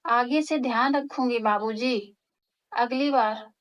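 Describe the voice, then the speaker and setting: A woman voicing a cheeky, lazy young daughter-in-law who makes sly, deadpan comebacks. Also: fairly high pitch, slow.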